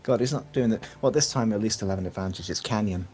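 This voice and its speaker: Man, co-host, rapid banter, low-ish voice, dry humor. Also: a little mellow. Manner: dry, teasing, quick talker. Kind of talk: casual chat on a game stream.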